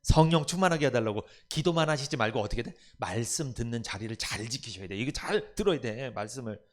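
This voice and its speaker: 활기찬 남자 목사의 설교. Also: male voice, medium pitch, quick pace. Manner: animated, acts out family members' voices, rhetorical questions to the congregation. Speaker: pastor. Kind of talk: sermon. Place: church sanctuary.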